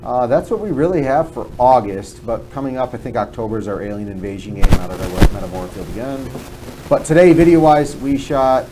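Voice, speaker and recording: A man co-hosting a casual livestream, upbeat and talking in quick bursts. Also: mid-range voice, animated, warm tone, a little hiss or hum, low-quality recording. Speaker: livestream co-host.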